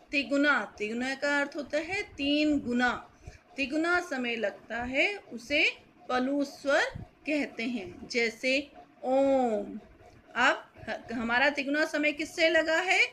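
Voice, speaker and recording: A woman teaching a Hindi grammar lesson, slow and careful, repeating key points. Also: high-pitched, pushed and bright, slight background noise. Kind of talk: classroom lesson.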